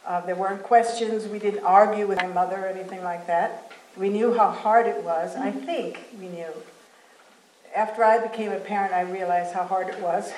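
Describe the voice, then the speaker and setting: Speaking with a mid-range, slightly mellow voice, this Venezuelan woman keeps her intonation fairly even at a moderate pace. She's a guest wandering through personal anecdotes from her life, and faint noise echoes around the hall she's in.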